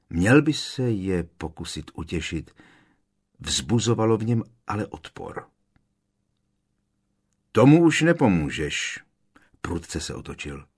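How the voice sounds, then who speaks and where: A man narrating an audiobook with expressive storytelling. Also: fairly low pitch, husky. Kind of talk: scripted narration.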